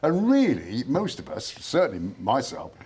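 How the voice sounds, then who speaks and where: A man's voice: medium pitch, huge pitch swings, normal speed, a little mellow, breathy edge. An older man, a veteran, chatting as an easygoing and somewhat hesitant TV guest. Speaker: Chelsea Pensioner, veteran guest. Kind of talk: casual TV interview.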